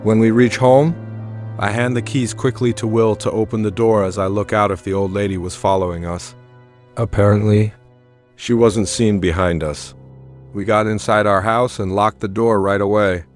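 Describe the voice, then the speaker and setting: Low-voiced man narrating a horror story. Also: fairly even intonation, normal speed, soft background music.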